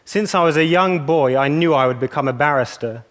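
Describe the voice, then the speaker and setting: A young man from England giving a measured, earnest talk to an audience. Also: on the high side. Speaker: speaker. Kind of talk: scripted talk.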